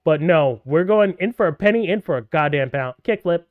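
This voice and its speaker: A man playing a video game and commenting in a playful, sarcastic way, with sudden loud outbursts. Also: a little high, lively intonation, brisk, no room sound, narrow, tinny audio. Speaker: let's play gamer.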